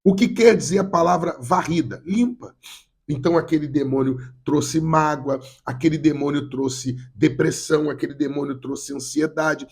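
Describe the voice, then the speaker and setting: Gravelly, husky and a little mellow, the slightly high voice of a Rio-accented Brazilian pastor carries his sermon at a moderate pace. He is recovering from a cold and keeps repeating and stressing his points to the congregation he addresses directly.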